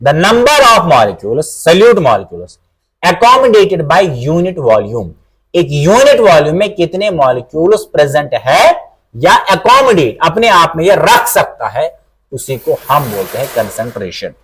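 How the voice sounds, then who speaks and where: A man teaching a class, his voice fairly high and swinging widely in pitch. He keeps asking questions and answering them himself, hammering key words again and again. When he reaches a definition, he slows down and spells it out word by word. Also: very animated, a bit bright, slightly rough, poor audio. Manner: repeats terms and asks himself questions, then answers. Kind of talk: board lesson explaining biology.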